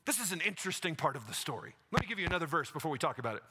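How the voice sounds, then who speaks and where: Guy preaching a sermon, super bright sharp voice, pitched up high, gets really into the story. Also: big pitch swings, very fast, husky. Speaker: pastor.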